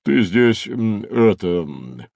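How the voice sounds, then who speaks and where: A man's voice: on the low side, very animated, gravelly, darkish tone, dry recording, full character voice. A man voicing a timid, fretful rhinoceros who sighs and mumbles anxiously in an audio drama. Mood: nervous mumbling. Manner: slow, sighing, anxious mumbling.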